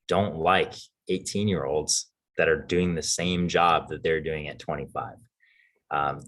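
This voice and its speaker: Deep deep voice guy cohosting a podcast, laid back, chuckles as he tells stories. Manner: relaxed, chuckles while telling stories. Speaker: podcast co-host. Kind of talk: casual storytelling chat.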